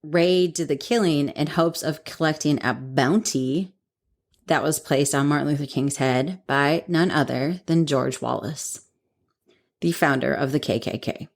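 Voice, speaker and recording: A woman's voice: low-pitched, a little slow. A woman co-hosting a podcast, telling a story in casual chat, rambling and laughing often. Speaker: podcast co-host.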